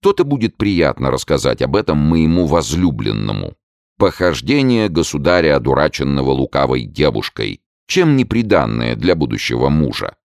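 A man's voice: a bass voice, very animated, normal speed, gravelly, no room sound, clean studio sound, exaggerated voice. Cold, mocking king, read by a man. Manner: cold, sarcastic. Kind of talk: audiobook reading.

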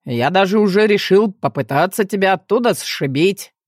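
A woman voicing a blunt, cheerful young male athlete who teases in a deadpan, rough way. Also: mid-range voice, normal speed, no echo, studio quality, natural voice. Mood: teasing.

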